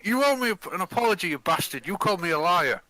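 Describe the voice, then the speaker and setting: A man's voice: high-pitched, lively intonation, fast talker, no echo. Man playing a brash, grudge-holding adventurer. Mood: angry. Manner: loud, demanding, swearing.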